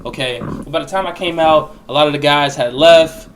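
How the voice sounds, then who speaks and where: A man's voice: on the high side, moderate pace, fairly bright tone. A young man telling a personal story in a casual, rambling way, with plenty of slang and swearing. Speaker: storyteller recounting a personal experience.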